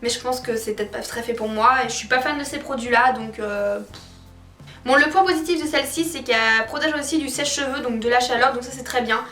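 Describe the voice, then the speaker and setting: A woman's voice: on the high side, brisk, a bit bright. A woman chatting casually to viewers as a beauty vlogger reviewing products, candid and opinionated in colloquial wording. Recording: roomy echo, distant mic, faint music behind.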